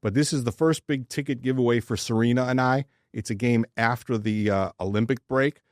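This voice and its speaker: In a clean studio recording with no echo, a man in his sixties hosts a podcast, his mid-range voice brisk and fairly even in intonation. He talks bluntly and casually, mixing podcast chat with personal testimonial.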